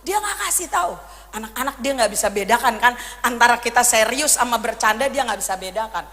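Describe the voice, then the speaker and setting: A woman in her thirties preaching a sermon, telling a personal story in a lively way and acting out her own pleas. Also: a little high, fairly quick. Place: church hall. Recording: long church hall reverb.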